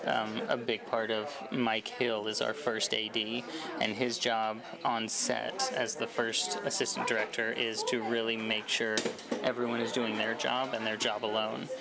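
A man's voice: on the low side, creaky. A man from Arkansas, a filmmaker, explaining his work casually in an interview. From Arkansas, United States. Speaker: filmmaker and lead actor being interviewed.

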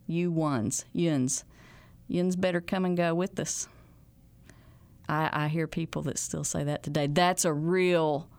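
A woman's voice: lowish voice, clean tone, no room sound. A woman from the Arkansas Ozarks with an Ozark hill twang, talking informally in an interview in a folksy way with homespun rural expressions. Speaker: museum outreach coordinator and dialect expert. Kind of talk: informal interview talk about folk dialect.

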